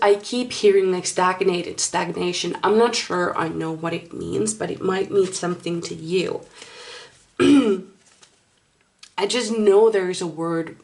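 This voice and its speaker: A Finnish-accented woman talks slowly through a casual tarot reading, her voice sitting a little low. She hesitates often and apologizes as she hunts for the right word. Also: creaky. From Finland. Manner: hesitant and apologetic, searching for words. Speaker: tarot reader.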